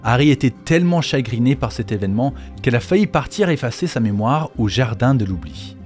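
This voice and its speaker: A man hosts a video on game lore, narrating a scripted explainer. His mid-range voice is animated and brisk with a darkish tone. Faint music plays behind him.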